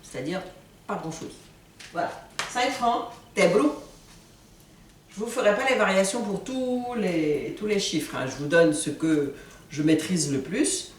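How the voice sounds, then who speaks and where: A person from Ivory Coast teaching a language in a casual video lesson, slowly repeating words to show how they are said. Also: mid-range voice, expressive, far from the mic, a little hiss or hum. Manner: slow, repeats words for pronunciation. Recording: echoey room, voice from off-mic.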